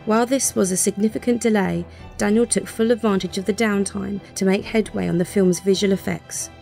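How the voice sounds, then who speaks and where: Eine Frau spricht gleichmäßig und gemessen einen geskripteten Dokumentarkommentar. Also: female voice, medium pitch, creaky. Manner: even, measured. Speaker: documentary narrator. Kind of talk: scripted narration. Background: music.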